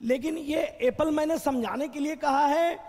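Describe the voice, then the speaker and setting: A man teaching vocabulary in a classroom, explaining slowly and answering his own questions. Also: very high voice, darkish tone, big-room sound.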